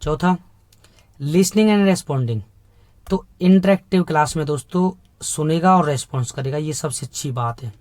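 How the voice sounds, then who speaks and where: A man's voice: a little high, a little slow, a little mellow, dry recording. A man teaching an exam-prep lesson in Hindi mixed with English terms, asking rhetorical questions and repeating key points with emphasis.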